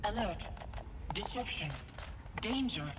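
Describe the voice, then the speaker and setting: Glitching robot guardian. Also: female voice, mid-range voice, lively intonation, takes it slowly. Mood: alarmed, glitching. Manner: clipped one- and two-word robotic status reports. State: glitching, repeating error reports. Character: malfunctioning female security construct, terse and glitching. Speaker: game character. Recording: game audio with loud noise and keyboard clicks.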